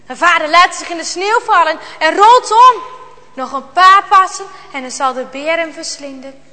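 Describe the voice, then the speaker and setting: High, bright-voiced woman telling a story. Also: long reverb tail. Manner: dramatic, slow storytelling with hushed tension. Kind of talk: children's Bible story reading.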